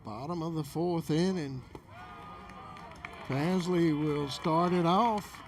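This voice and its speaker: A male play-by-play commentator calls a baseball game at an unhurried, slow pace. His voice sits a little high for a man and has a gravelly fry. Faint outdoor noise sits behind him. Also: a little mellow.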